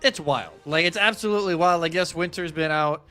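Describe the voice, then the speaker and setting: Over background music, an esports caster delivers a chatty match preview with plenty of emphasis. He talks a little fast in a fairly high, sharp-toned voice.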